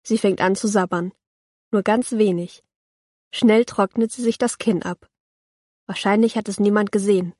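A woman reads a children's story aloud in a calm, clear manner, her voice sitting at an ordinary middle pitch. The recording is dry and close, with no room sound around her. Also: normal speed, long pauses, no echo. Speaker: narrator. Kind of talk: children's audiobook reading.

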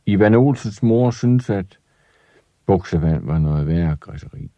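A man reading a children's story aloud in an expressive, lively way. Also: low voice, no room sound, highs cut off.

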